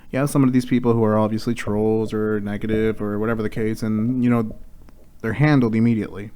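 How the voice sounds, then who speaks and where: Low-voiced man ranting casually. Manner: chatty, swears freely, rants with rising excitement. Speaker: co-host. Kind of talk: casual podcast chat.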